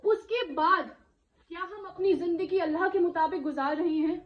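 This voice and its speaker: A woman's voice: very high voice, moderate pace, reverberant, lo-fi sound. A woman giving an impassioned religious talk to a live gathering of women, full of rhetorical questions and "isn't it?" asides. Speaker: Islamic speaker addressing a women's gathering.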